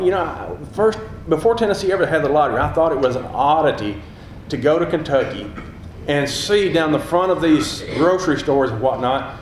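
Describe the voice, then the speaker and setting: A man's voice: fairly high pitch, roomy sound, a little hiss or hum, low-quality recording. A middle-aged man preaching a sermon, rising in emphasis on key phrases. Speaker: pastor.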